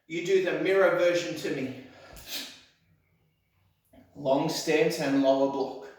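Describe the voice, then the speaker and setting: Echoey, high-voiced man giving sharp karate commands. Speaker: karate instructor. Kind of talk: step-by-step martial arts lesson with short commands. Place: echoey indoor room, voice some distance from the mic. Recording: very echoey hall, distant mic.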